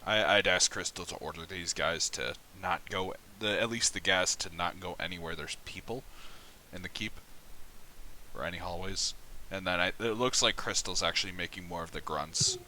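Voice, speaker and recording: A man's voice: deep voice, normal speed, pushed and bright, slight background noise, low-quality recording. A man playing in a tabletop game over voice chat, chatty and joking. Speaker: player.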